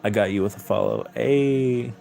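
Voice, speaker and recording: A hoarse young man hosting a late-night livestream, chatting loosely with viewers and swearing a lot. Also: fairly low pitch, slow pace, darkish tone. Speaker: livestream host.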